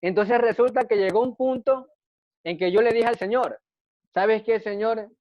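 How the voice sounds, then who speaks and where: A man's voice: extremely high pitch, moderate pace, no echo. A man preaching and giving a personal testimony in an earnest, repetitive way, often asking rhetorical questions. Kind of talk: testimony sermon. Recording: dull dry lo-fi recording.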